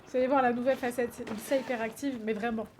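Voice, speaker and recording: Excitable high-voiced streamer woman. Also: fast talker, a little hiss or hum. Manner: excitable, shrieks and yelps during play, swears; reads chat and chats to viewers. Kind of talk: casual gaming livestream chat.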